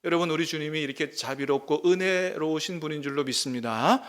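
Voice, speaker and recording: A man's voice: fairly high pitch, brisk, a bit bright. A middle-aged male pastor preaching a sermon, emphatic and often putting questions to the congregation.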